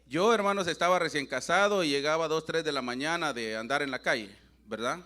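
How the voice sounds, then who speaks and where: A middle-aged man with a Central American Spanish accent preaches in church, and his voice sits fairly high for a man. He talks to the congregation like a testimony, earnest and conversational, calling them brothers again and again. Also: brisk, pushed and bright. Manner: addresses the congregation constantly as brothers, with a habitual tag question. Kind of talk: sermon.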